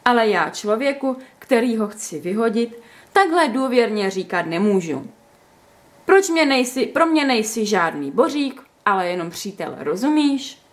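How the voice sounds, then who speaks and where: Casting: woman voicing a prim, excitable storybook girl, high and very lively. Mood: excited, prim. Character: lively, touchy young woman playing a game. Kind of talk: storybook reading.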